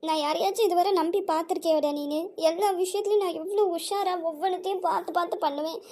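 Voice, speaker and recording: A woman's voice: extremely high pitch, fast, a little mellow. A woman voicing a young woman betrayed by her lover in a cartoon, speaking with a Tamil accent, bitter and tearful. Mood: grieving. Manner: scornful, then sobbing and pleading. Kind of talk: cartoon dub acting.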